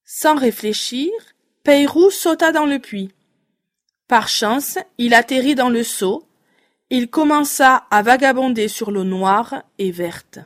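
A woman narrating a children's fairy tale in a slow, deliberate reading voice. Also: on the high side, noisy background. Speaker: storyteller.

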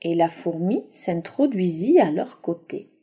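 Woman storyteller, slow and animated, mellow dark tone. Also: lowish voice, breathy edge. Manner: slow, lively intonation. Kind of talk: storybook reading aloud.

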